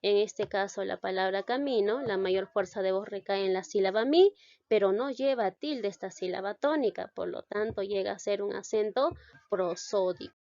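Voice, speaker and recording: A woman's voice: mid-range voice, dark tone, no echo, highs cut off. A woman teacher giving a spoken grammar lesson, stressing syllables and asking the class questions as she goes.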